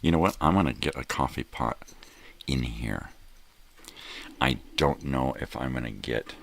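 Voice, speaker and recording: Very deep, gravelly man, rambling casually. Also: measured pace, slight background noise. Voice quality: gravelly, raspy. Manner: laid-back, talking to himself, repeating phrases. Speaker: morning live stream host. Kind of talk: casual rambling vlog chat.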